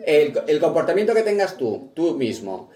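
A man hosting a casual podcast chat, talking in an animated, argumentative way with quick restarts. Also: fairly high pitch. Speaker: podcast host. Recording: roomy echoey room.

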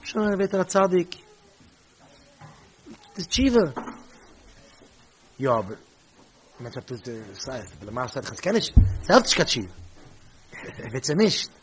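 Man, preacher, fairly high voice, emphatic storytelling, repeats phrases. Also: big pitch swings, a little slow, pauses often, a little hiss or hum. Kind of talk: storytelling sermon.

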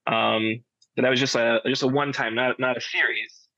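Modest and understated, an audio drama director and sound designer speaks casually during an interview. A mid-range voice with a steady tone and sharp quality moves at a moderate pace, recorded in dull, dry lo-fi sound with no echo.

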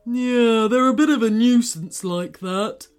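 A woman's voice: a little high, unhurried, clear, resonant tone, soft background music, lightly acted. A woman voicing a huge, grumpy, miserable volcano with a stomachache, in a storybook reading. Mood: relieved. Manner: grumbling, miserable, sighing.

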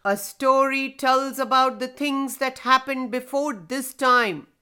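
A woman voicing an ancient, wise male stone spirit who tells stories, speaking slowly and loudly. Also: sits high, clear, resonant tone, full character voice. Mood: solemn.

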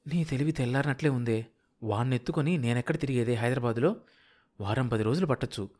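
A man voicing a sharp-tongued, scheming middle-aged wife who scolds her husband. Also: mid-range voice, fast talker, natural voice. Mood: scolding. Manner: bossy, impatient, scolding.

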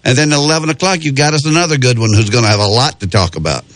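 A man's voice: medium pitch, rapid-fire, a bit bright. Southern man with a folksy rural drawl. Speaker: radio show host. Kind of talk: casual sports talk radio chat. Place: radio studio. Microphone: close studio microphone.

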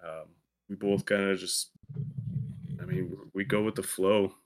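A man's voice: sits low, fairly even intonation, measured pace. A man co-hosting a podcast, talking casually in a laid-back, easygoing manner. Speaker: podcast co-host. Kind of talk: casual chat.

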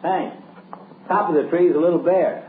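On a tinny old radio recording with faint noise, a man plays a stout doctor in a 1940s comedy. He is jovial and a bit pompous, pitched somewhat high. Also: fairly even intonation, normal speed, lightly acted. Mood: genial. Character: big, jovial, pompous doctor friend trading dry insults.

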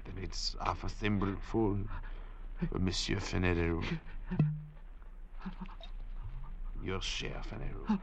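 An actor playing a calculating, persuasive doctor who leads desperate castaways, in an earnest, theatrical manner. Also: male voice, deep voice, fairly even intonation, moderate pace, vocal fry, a little hiss or hum. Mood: controlled, firm. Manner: earnest, oratorical, controlling. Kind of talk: theatrical drama acting.

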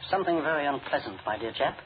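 A man's voice: a little high, expressive, fast, lightly acted. An actor playing a suave, formally polite, menacing man in a 1940s radio drama. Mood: cold menace. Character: suave, coldly polite man threatening murder. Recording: tinny, noisy 1940s radio recording.

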